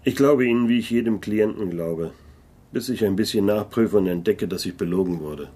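In a German radio drama, a private detective speaks with a lowish, dark voice carrying a breathy edge, at a moderate pace. He's sceptical and sardonic, dry, wry and guarded all the way through.

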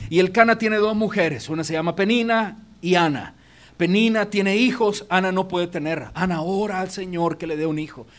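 A man's voice: high voice, moderate pace. A male pastor preaching a sermon in a church auditorium, emphatic and speaking straight to the congregation. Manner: emphatic, addresses congregation directly.

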